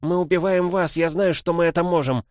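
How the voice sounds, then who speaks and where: A man voicing a fierce, desperate young village girl in a storybook reading, speaking high and urgently. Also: steady tone, fairly quick, darkish tone, no room sound, clean studio sound, natural voice. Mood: defiant.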